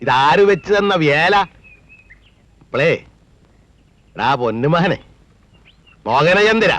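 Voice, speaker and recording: A man's voice: fairly high pitch, lively intonation, takes it slowly, fairly bright tone, dry recording, full character voice. An actor playing a middle-aged wealthy landlord and father, who talks down to others in a mocking, bossy way. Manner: mocking, domineering. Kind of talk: film dialogue.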